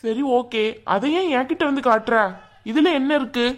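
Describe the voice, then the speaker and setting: A woman with a slightly high voice coaxes and questions someone gently in a family drama. She is acting in a domestic scene at home. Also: moderate pace. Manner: coaxing, questioning. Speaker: concerned mother-in-law figure in a family drama. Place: indoors at home.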